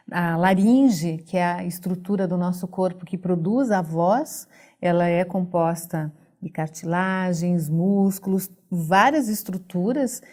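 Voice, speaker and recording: A woman's voice: lowish voice, a little mellow. A woman speaking as a voice therapist on a radio talk show, explaining patiently with everyday examples. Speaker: voice therapist guest.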